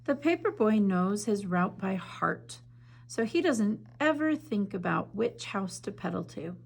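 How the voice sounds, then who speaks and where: Her mid-range voice sing-song and touched with noticeable vocal fry, a woman teacher reads a picture book slowly and gently, letting her volume fall at soft moments. She becomes chatty and eager when the talk turns to the illustrations.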